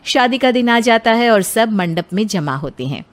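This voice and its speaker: A woman's voice: on the high side, expressive, moderate pace. A woman reading scripted narration for a moral story.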